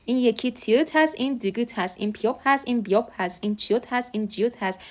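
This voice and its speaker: A woman teaching Korean letters, patiently repeating each sound slowly. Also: on the high side. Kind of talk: online alphabet lesson.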